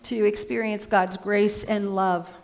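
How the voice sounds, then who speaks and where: A woman pastor leading a communion liturgy in a solemn, measured way, her voice ringing with a cathedral echo in a church sanctuary. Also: medium pitch, little pitch movement, creaky. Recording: long church reverb.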